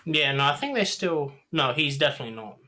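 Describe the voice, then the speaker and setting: A man with a fairly high voice trades jokes and banter as co-host of a casual podcast. He laughs easily, curses freely and keeps the talk loose. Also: animated, brisk, bright, forceful tone. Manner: jokey, laughs often, swears.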